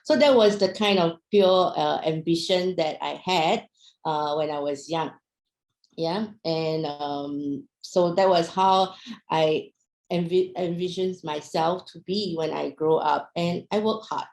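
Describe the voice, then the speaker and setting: A chatty young woman talks to an online audience, full of fillers and questions. Her voice is low and gravelly with fry. The room around her is echoey. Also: slow, a little mellow. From Myanmar, raised in Singapore. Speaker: speaker at an online business talk. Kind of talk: casual presentation to an online audience.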